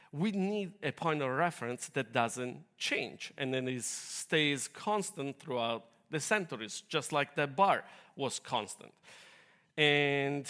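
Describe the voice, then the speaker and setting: A man's voice: mid-range voice, a bit bright. A man from Italy with an Italian accent, preaching a sermon in an earnest, explanatory way with light humor.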